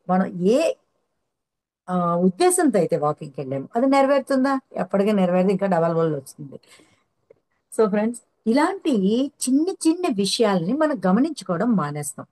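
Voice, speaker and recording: A woman gives a relaxed spiritual talk on meditation. Her pitch sits in the middle, and she keeps posing rhetorical questions and acting out the words of everyday people. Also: normal speed, pauses often. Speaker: meditation speaker.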